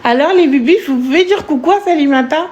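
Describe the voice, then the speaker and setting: A woman live streaming in casual chat, cooing doting baby talk and breaking into wailing, sob-like high notes. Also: quick pace, a little mellow, echoey room, lo-fi sound, a little hiss or hum.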